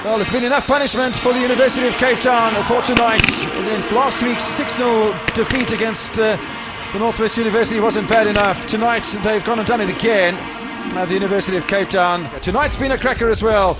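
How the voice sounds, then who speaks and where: A man giving excitable live play-by-play football commentary, raising his voice as attacks build. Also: sits high, brisk. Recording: loud crowd and music behind commentary. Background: loud crowd and music.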